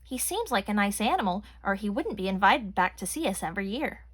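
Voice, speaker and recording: A woman's voice: medium pitch, sing-song, fairly quick, a bit bright, slightly rough, no room sound. A woman voicing a curious young fox cub in a read-aloud storybook.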